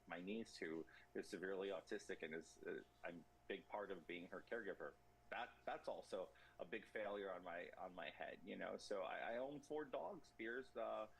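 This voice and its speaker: A man in his thirties answering interview questions earnestly, halting and repeating words. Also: low voice, creaky, slight background noise, rough recording. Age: 30s. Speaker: interview guest.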